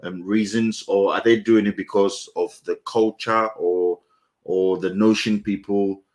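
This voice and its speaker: A man's voice: lowish voice, steady tone, a little slow, darkish tone. A middle-aged man co-hosting a casual talk about marriage, often repeating words as he searches for them. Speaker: co-host.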